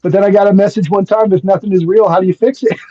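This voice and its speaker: This man speaks high and very fast, with a steady yet dark tone, on a dry, dull, lo-fi recording. His first language is Spanish, and he is from near Mexico, having spent most of his life in Mexico. He chats casually and slangily about spiritual topics, frequently repeating words while reaching for the idea.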